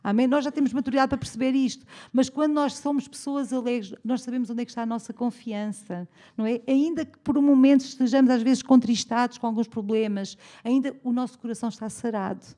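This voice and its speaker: A woman's voice: a little high, quick pace, mellow. A woman with a European Portuguese accent preaching a sermon in a church, conversational and often asking the congregation for an amen. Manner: conversational, calls for "amen" responses.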